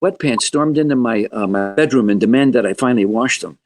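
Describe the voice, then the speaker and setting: A man in his seventies, a guest musician telling stories in a podcast interview in an animated, joking way. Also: a little fast, faint music behind. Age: 70s. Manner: animated, joking, wide swings in pitch.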